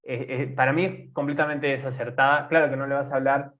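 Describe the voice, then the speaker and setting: A man in his twenties with an Argentine accent, co-hosting a casual podcast and talking haltingly with many fillers and restarts. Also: mid-range voice, little pitch movement. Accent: Argentine Spanish. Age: 20s. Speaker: podcast co-host. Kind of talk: casual conversation. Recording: tinny phone-like sound.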